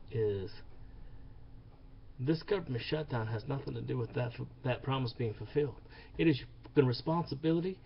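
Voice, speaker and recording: Man, cursing political rant vlog, heated and repetitive, muffled lo-fi sound. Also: medium pitch. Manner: profane, heated, repeats himself. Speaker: vlogger.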